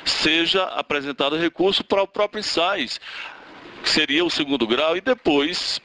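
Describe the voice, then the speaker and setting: A man's voice: on the high side, normal speed, sharp tone, low-quality recording. A man giving courteous, formal remarks at a public hearing, with some hesitations. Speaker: hearing participant.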